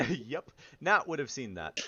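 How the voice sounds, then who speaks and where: A man improvising narration as game master of a tabletop game, in a halting manner. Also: mid-range voice, big pitch swings, pushed and bright, husky, dry recording, lo-fi sound.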